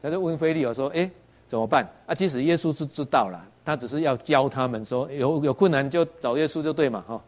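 Male preacher, Taiwanese Mandarin accent, teaching sermon style, rhetorical questions, animated quoted dialogue. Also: mid-range voice, fast, few pauses. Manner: tags sentences with "ha" and asks the audience questions; acts out quoted dialogue in varied voices.

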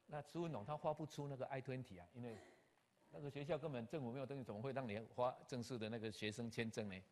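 An older man, a pastor, telling a personal story in an animated way, acting out conversations and dropping in English terms. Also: medium pitch, fast talker. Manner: animated, acts out dialogue, scattered English terms. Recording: long hall reverb.

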